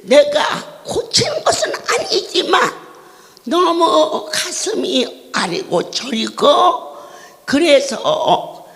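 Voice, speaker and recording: A male pastor preaches to a large church gathering, his high, gravelly voice climbing and falling widely as he tells his story. He speaks at an unhurried pace and breaks into laughing shouts. Long reverb from the church hall trails behind every phrase. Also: sing-song. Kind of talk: revival sermon with storytelling.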